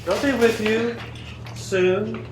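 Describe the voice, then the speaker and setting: In an echoey, noisy room, a sinister male captor in a film drama. He is formal and eerily calm, speaking slowly and persuasively in a slightly high voice. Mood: quietly ominous. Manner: formal, deliberate, persuasive, pausing mid-sentence. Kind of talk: film acting.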